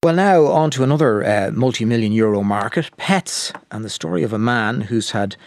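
A man's voice: medium pitch, expressive, moderate pace, no room sound. Irish male radio interviewer, dry studio sound.

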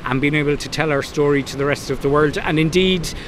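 A man's voice: fairly high pitch, quick pace. A man with a west of Ireland accent explaining his work and plans in an interview. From Blacksod Bay, County Mayo, Ireland. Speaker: founder of a maritime heritage company. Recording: faint outdoor background noise.

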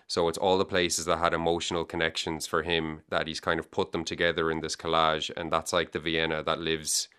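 A man's voice: a bass voice, level tone, fairly quick, few pauses, pushed and bright, clean tone. An Irish man in casual interview talk, rambling a little and repeating words with plenty of fillers. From Ireland. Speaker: debut novelist guest.

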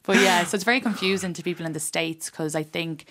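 An Irish woman in her thirties, talking as a radio guest in a loose, self-mocking way and laughing easily. Her voice sits a little low for a woman. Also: fairly even intonation, quick pace, fairly bright tone, a little hiss or hum. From Ireland. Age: 30s. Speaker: comedian guest. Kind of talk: casual radio interview chat.

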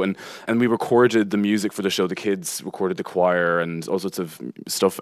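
A man's voice: fairly low pitch, no echo, studio quality. A man with a west of Ireland accent, telling personal stories casually as a guest, chatty and acting out bits of dialogue. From County Roscommon, west of Ireland. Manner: chatty, quoting dialogue as they go. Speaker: guest performer. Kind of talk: casual personal storytelling on a panel.

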